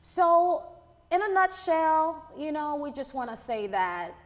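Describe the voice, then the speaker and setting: A woman's voice: sits high, big pitch swings, slow. Woman talk-show host, sincere and advising, reverberant recording. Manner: earnest advice with frequent "you know". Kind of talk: casual chat.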